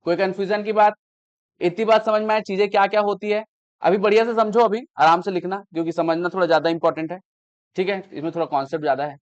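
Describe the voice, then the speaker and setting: A man's voice: sits high, fairly even intonation, quick pace, muffled recording. A man teaching a math class, explaining patiently, repeating each step and checking that students understand.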